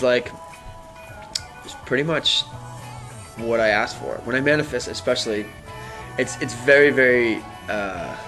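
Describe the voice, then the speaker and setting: A man telling a long personal story as a guest, halting and rambling with many fillers and restarts. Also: medium pitch, a bit bright, low-quality recording. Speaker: interview guest. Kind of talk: casual storytelling.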